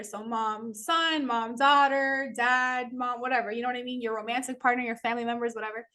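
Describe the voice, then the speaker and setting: A woman with a high, bright, forceful voice teaches a casual astrology class. She's chatty and loose, laughs often, and fills her speech with "like" and "um."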